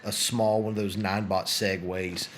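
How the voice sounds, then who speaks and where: A man's voice: on the low side, level tone, moderate pace, a bit bright, slight background noise. Rambling middle-aged male podcast host. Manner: rambling, restarts often, gets sidetracked. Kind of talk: casual conversation.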